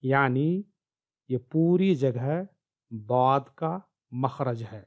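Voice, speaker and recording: A man teaching Quran pronunciation, explaining slides slowly and carefully and repeating key sounds. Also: mid-range voice, darkish tone, dull audio. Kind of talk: explaining slides in a recorded lesson.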